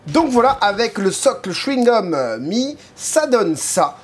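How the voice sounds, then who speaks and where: A man's voice: sits high, big pitch swings, a little slow, husky. A man casually commenting on a figurine unboxing, joking and rambling with lots of hesitant fillers. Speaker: unboxing video host. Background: faint background music.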